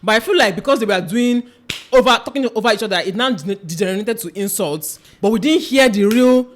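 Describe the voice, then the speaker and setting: A woman's voice: medium pitch, brisk, a little hiss or hum. A woman with a Nigerian accent in a casual gossipy chat reviewing a reality show, repeating phrases and chiming in with agreement.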